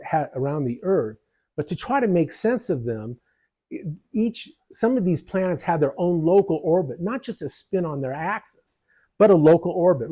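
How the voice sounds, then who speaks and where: A man narrating a history lesson over slides, his voice sitting a little high and swinging widely as he explains. He keeps it light, tossing in jokes and casual asides between points. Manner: lively, jokey explanations with asides. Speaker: history channel presenter.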